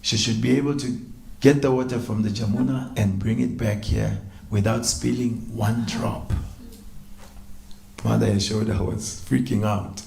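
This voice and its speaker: A man, a spiritual teacher, telling a sacred story as a sermon in an animated way, acting out the characters. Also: fairly low pitch, a little slow, gravelly. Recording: echoey room.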